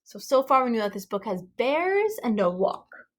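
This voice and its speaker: A woman with a fairly high pitch reads a children's story aloud at a moderate pace. She's animated and expressive, dropping in little asides and engaging questions for her listeners.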